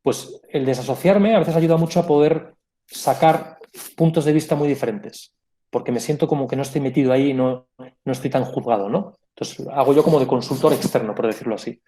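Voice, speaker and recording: A man's voice: medium pitch, brisk, dark tone, slight background noise. A man giving a reflective pastoral conference talk, explaining ideas with asides and small self-corrections. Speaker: conference speaker.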